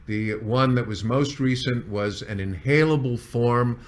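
A man speaking as a chief executive and founder, recounting company history in measured executive storytelling, as if addressing staff. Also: medium pitch.

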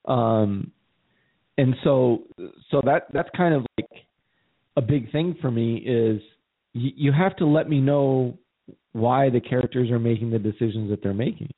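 A man's voice: medium pitch, measured pace. Rambling man co-host on phone-quality audio. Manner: rambling, repeats words while thinking aloud. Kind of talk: casual conversation.

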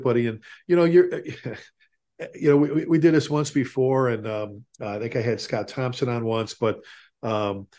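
A man's voice: mid-range voice, a little mellow. A man hosting a podcast in casual, rambling chat, often repeating words as he goes. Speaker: podcast host.

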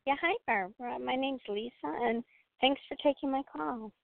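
A woman's voice: high-pitched, moderate pace, gravelly, dry recording. A woman calling in to a radio show over a phone line, talking hesitantly, restarting and trailing off. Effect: heard over a phone line as a radio show caller. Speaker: caller to a call-in reading show. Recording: tinny phone line, dry.

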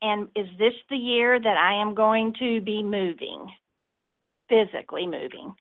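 A woman's voice: medium pitch, unhurried. A woman with a Southern US accent, chatting casually as a caller to a phone-in show. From southern United States. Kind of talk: casual chat. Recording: tinny telephone line.

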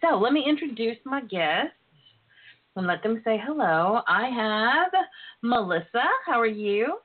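A woman's voice: a little high, lively intonation, unhurried. Sassy woman host on tinny phone-line radio. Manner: sassy, flirty, uses endearments. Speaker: talk show host, relationship and intimacy coach. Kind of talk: casual radio call-in chat.

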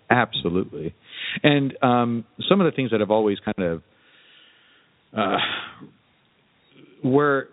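A podcast host with a low voice chats casually in an interview, rambling and hesitant and leaning on "you know" and "kinda" a lot. The audio is dull, lo-fi and dry, muffled with no room sound.

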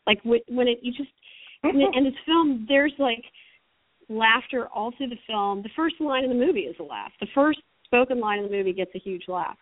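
A woman's voice: on the high side, moderate pace, no echo. A middle-aged American woman, a screenwriter guest on the phone, talking passionately and rambling with many restarts. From United States. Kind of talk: phone-in interview. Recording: tinny phone line.

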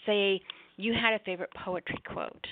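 A woman's voice: medium pitch, fairly even intonation, normal speed. A middle-aged woman hosting a poetry open mic show, chatting through announcements in a rambling, apologetic way, her articulation slightly off after jaw surgery. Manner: rambling, apologetic, self-interrupting. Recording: thin, roomy phone-line sound.

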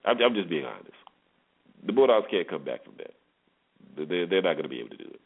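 A man hosts a solo internet radio sports show, giving informal commentary and repeating phrases for emphasis. His low voice swings widely in pitch at a quick pace, with vocal fry and a breathy edge. The audio is muffled and phone-like.

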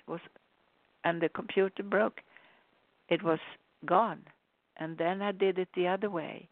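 Slow soothing woman doing spiritual meditation talk, creaky voice, sounds like a phone line. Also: lowish voice, no echo. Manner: unhurried, soothing, repetitive phrasing. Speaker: spiritual author and meditation guide. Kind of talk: spiritual talk turning into guided relaxation. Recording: dull, narrow phone-like sound.

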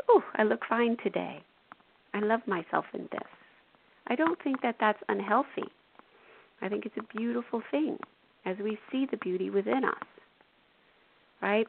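A woman hosting a spiritual self-help radio show, coaching gently with frequent "you know" and "right". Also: mid-range voice, gravelly. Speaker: radio show host and intuitive. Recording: tinny phone-like radio audio.

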